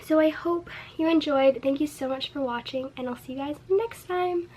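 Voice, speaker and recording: A young woman telling a story in a casual vlog while eating, chatty and animated, with frequent filler words and laughs. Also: sits high, moderate pace. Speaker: vlogger.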